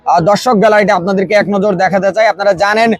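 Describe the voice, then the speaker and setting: A man's voice: high-pitched, steady tone, racing, no room sound. A man with a Bangladeshi accent hosting a live football stream, commentating for online viewers and stretching words as attacks build.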